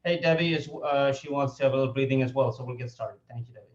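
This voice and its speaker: A man's voice: medium pitch, fast. A man hosts a live online session in a casual, informal style. He sounds a little hesitant as he introduces things. The room is strongly echoey and the audio slightly dull and lo-fi. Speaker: host and company founder.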